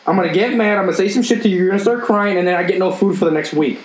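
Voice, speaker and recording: A man joking bluntly with friends, dry and profane. His voice sits a little high. The room rings with echo. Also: racing. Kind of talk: casual banter.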